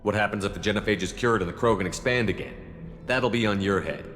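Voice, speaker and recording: Male actor as tough military commander, video game hero, low voice, blunt, commanding, long reverb, faint music. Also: quick pace, a bit bright, natural voice. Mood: challenging. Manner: direct, commanding.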